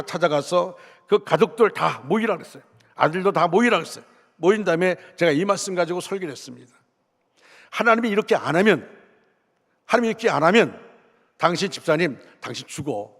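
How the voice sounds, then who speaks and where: A middle-aged male pastor preaching a sermon, telling a story and acting out the dialogue, at times speaking with strong force. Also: on the high side. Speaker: senior pastor. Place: church sanctuary. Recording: long church hall reverb.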